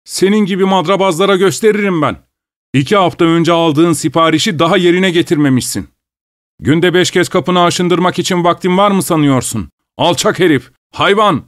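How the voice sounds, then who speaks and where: A man's voice: medium pitch, expressive, brisk, no room sound, studio quality, close to an everyday voice. A man voicing an angry male customer who hurls insults at a shoemaker, in a storybook reading. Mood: furious. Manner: yelling insults. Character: furious male customer, a fireworks maker.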